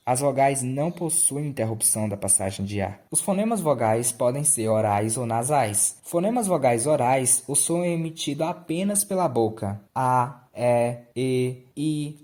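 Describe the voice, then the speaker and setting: A man teaching a grammar lesson, deliberately spelling out examples sound by sound. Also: medium pitch, warm tone. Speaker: Portuguese language teacher.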